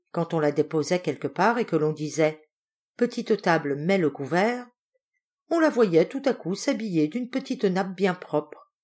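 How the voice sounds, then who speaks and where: A woman reading a fairy tale aloud, expressive and lilting. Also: on the low side. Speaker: storyteller.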